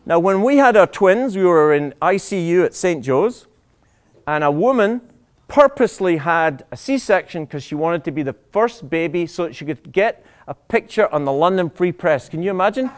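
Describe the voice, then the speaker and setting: A man, a doctor, giving a public lecture, animated and full of rhetorical questions to the audience. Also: a little high, moderate pace.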